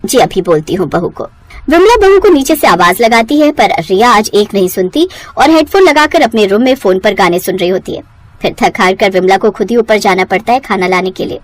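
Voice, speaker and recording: A woman narrating a family storybook cartoon in an expressive, scripted way. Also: medium pitch, brisk.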